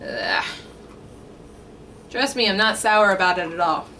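A woman's voice: mid-range voice, huge pitch swings, measured pace, pushed and bright, slight background noise. A young woman hosting a casual cooking vlog from her home kitchen, chatty and full of puns, talking straight to the camera. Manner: jokey, punny, chatty.

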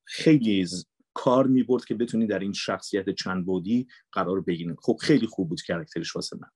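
A voice actor and dubber from Mashhad, Iran, speaks in a low-pitched, slightly mellow, husky voice with no room sound. With a Mashhadi Persian accent, he answers interview questions earnestly and emphatically, repeating for stress.

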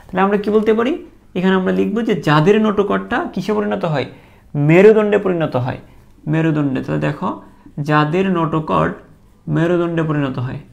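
Man, biology lecture, patient teacher, quizzes the class, repeats terms slowly, very gravelly voice. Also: sits high, darkish tone, muffled recording. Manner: asks the class questions and repeats terms slowly for students to echo; patient, encouraging.

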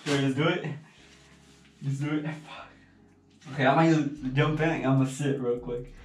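A man's voice: medium pitch, steady tone, normal speed. A young man chatting casually and reluctantly to camera in a vlog, swearing and exclaiming in slang. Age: young adult. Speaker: vlogger doing a challenge. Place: small tiled home bathroom. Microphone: camera set a few feet away. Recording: echoey bathroom, distant mic, noisy.

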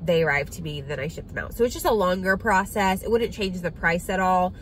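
A woman's voice: on the low side, brisk, fairly bright tone, poor audio. A woman, chatting casually to her viewers while she drives, with lots of ums and likes. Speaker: vlogger. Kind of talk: casual car chat. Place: inside a car. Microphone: phone camera on dashboard. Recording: phone recording in a moving car with road noise. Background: car and road noise.

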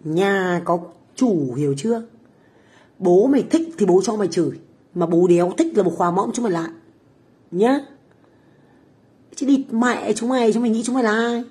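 This middle-aged Vietnamese woman speaks at normal speed with a medium, dark-toned voice, lively intonation, and frequent pauses. As a livestreaming food stall owner in a home kitchen abroad, she jokes casually with viewers, foul-mouthed and taunting.

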